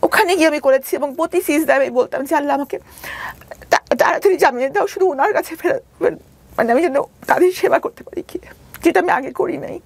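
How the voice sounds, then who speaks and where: A woman with a Bangladeshi accent tells her personal story as an interview guest, emphatic and insistent and often repeating her points. She speaks fast in a high-pitched voice with vocal fry.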